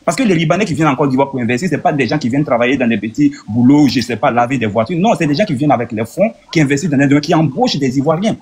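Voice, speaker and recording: A man's voice: mid-range voice, expressive, darkish tone. A man in his thirties from Burkina Faso, arguing earnestly and point by point in a debate. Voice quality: husky. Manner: earnest, rapid, reasoning point by point. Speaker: debate participant. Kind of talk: heated debate argument.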